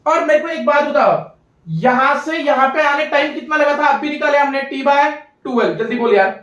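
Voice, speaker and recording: A man teaching a physics lesson, coaxing students with quick repeated questions. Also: extremely high pitch, animated, fairly bright tone. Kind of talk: classroom lecture. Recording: echoey room from a distant, dull mic.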